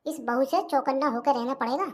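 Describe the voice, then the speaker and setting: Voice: sits high, fast. A voice actor playing a suspicious, fearful old village mother-in-law in a comedy cartoon, speaking with a rural Hindi accent. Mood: anxious. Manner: suspicious, fretful, muttering asides.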